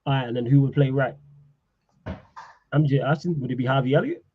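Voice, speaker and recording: A man's voice: medium pitch, a little fast, phone-quality sound, slight background noise. A man joining a casual football chat as a guest, laid-back and quizzing his co-host.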